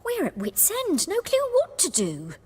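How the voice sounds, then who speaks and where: A woman's voice: sits high, huge pitch swings, normal speed, darkish tone, long reverb tail. A woman playing a wary, harassed young street performer in a video game, speaking in a plaintive, guarded way. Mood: despairing. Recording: music behind.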